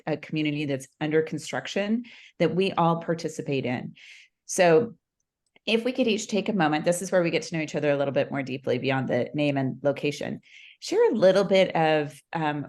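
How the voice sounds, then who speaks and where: Low-voiced woman facilitating a group. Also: a little mellow. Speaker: workshop facilitator.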